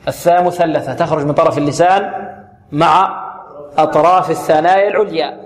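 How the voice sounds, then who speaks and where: A male Quran recitation teacher giving a tajweed lesson, asking the class questions and answering them himself, and slowly repeating words to show how they are pronounced. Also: a little high. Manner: often says "may God bless you" to students.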